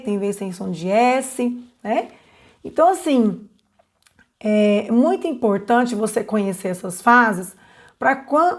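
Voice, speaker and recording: A woman teaching an online literacy class, her voice sitting a touch above the usual for a woman. She explains patiently, keeps checking in with the audience, and slows down to draw out individual sounds and syllables. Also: fairly high pitch. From Brazil. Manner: slows down and stretches sounds when modeling syllables.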